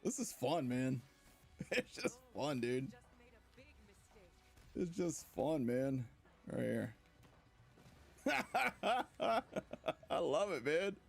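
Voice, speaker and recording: Gravelly excited male game streamer. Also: on the high side, drawn-out words, long pauses. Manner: excited, laughing, talks to viewers. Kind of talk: live gameplay commentary.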